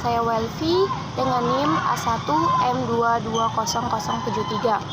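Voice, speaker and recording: A woman student giving a plain, brisk class presentation. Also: on the high side. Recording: traffic noise outside.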